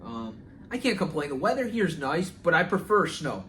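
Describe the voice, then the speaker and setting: A young man co-hosting a casual podcast, relaxed and rambling with fillers, recorded on a phone. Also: a little high, moderate pace. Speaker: podcast co-host. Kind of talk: casual chat. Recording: faint ambient noise, phone mic.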